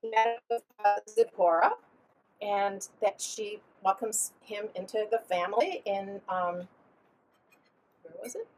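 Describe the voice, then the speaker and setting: A woman telling a story to children at a family gathering at home, in a playful, animated way with dramatic swings in pitch. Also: a little slow, faint music behind, rough recording. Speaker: storyteller at a family Passover seder.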